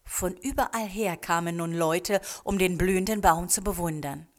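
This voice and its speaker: A woman narrating a storybook in a calm, measured way. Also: fairly low pitch. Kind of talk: storybook reading.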